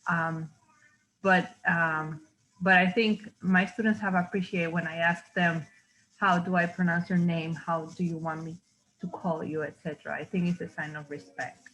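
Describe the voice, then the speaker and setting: A woman's voice: on the low side, flat delivery, moderate pace, a bit bright, a little hiss or hum, rough recording. Puerto Rican woman, native Spanish speaker. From Puerto Rico. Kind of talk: panel discussion remarks.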